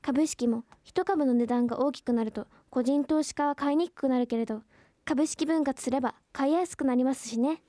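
A woman voicing a gentle, polite old grandmother in a folk tale. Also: high-pitched, fairly quick, no room sound, close to an everyday voice. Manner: soft and polite.

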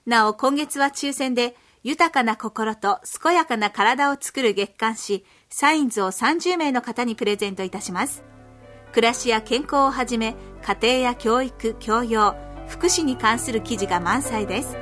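A woman's voice: fairly high pitch, normal speed, fairly bright tone, soft background music. A woman making polite, formal scripted radio announcements.

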